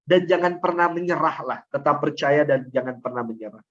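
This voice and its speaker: Heartfelt priest preaching over dull webinar audio. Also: male voice, a little high, brisk, a bit bright, a little hiss or hum. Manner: emotional storytelling, repeats phrases for emphasis. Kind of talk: sermon.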